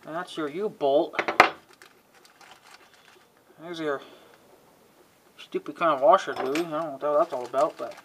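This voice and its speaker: Taking long pauses, the male host speaks at a moderate pace in a fairly high, steady voice while demonstrating an antenna assembly. His manner is casual, folksy and rambling, half to himself, with mild exasperated cussing and frequent throat clearing. It's a clearly noisy homemade recording with clicks.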